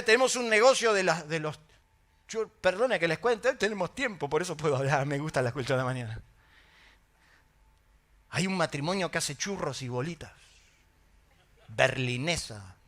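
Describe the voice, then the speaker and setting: A middle-aged Argentine man preaching a sermon as pastor, telling stories in an animated way with emphatic exclamations. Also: on the high side, normal speed, long pauses. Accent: Argentine Spanish.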